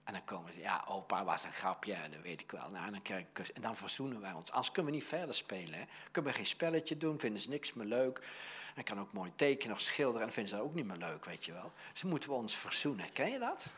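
An older man preaching with a Dutch accent, chatty and halting, full of restarts as he acts out little stories. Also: lowish voice, very animated, fairly bright tone, slightly rough. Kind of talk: conversational sermon.

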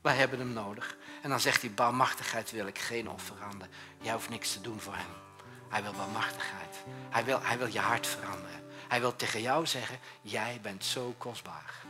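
A man preaching a sermon as pastor, in a conversational way, swinging between loud urgent bursts and quiet, low passages. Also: moderate pace, over music. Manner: conversational preaching, often tags on a questioning "hè?".

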